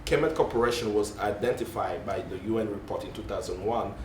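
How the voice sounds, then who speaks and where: Captured by a distant mic in a roomy conference hall with faint background noise, a panelist speaks briskly in a fairly low, darkish voice. He keeps groping for words, revising what he says, and filling gaps with um and uh.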